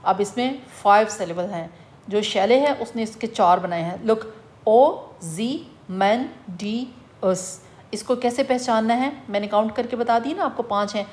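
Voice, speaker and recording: A woman teacher with a Pakistani accent explains a poem to students, mixing English terms into her speech and dictating English definitions very slowly. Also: a little high. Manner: addresses students as "beta".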